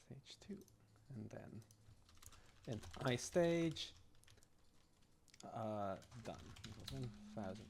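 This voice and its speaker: A slightly hoarse man who is losing his voice, thinking aloud in a halting, self-muttering way as he works through scripts on a live stream. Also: mid-range voice, expressive, darkish tone, a little hiss or hum. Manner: halting, restarting, muttering to himself. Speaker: game modder live streaming.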